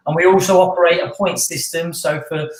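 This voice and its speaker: Higher-pitched man in an echoey room. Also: brisk. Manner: relaxed and explanatory, with frequent fillers. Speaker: student union staff coordinator. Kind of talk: casual online panel chat. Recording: roomy echo.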